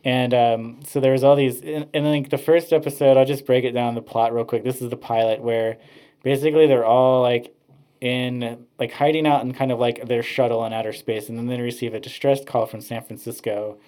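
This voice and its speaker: A man's voice: mid-range voice, steady tone, fairly quick, dark tone. A man, a podcast host, rambling through casual chat, with many "like" fillers. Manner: rambling, heavy use of "like" fillers.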